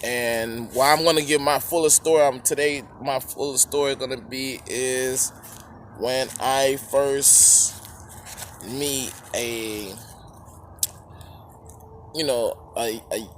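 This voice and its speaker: A man tells a meandering personal story to camera in a relaxed, mid-pitched voice. He stumbles, restarts, and talks between bites of food, with faint background noise under him. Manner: rambling, halting, with many fillers and restarts; eating while talking. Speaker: vlogger telling a personal story.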